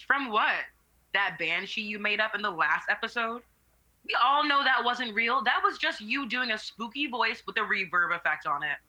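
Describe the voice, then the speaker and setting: A woman plays a smug social media influencer, breezy and mocking, slipping in sponsor plugs. Her tone is piercingly bright and a touch high. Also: lively intonation, normal speed, low-quality recording. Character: smug woman influencer, gleeful and self-promoting.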